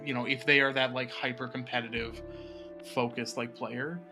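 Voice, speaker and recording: A man hosting a podcast in casual chat, relaxed with frequent filler words. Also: mid-range voice, moderate pace, music in the background. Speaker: podcast host.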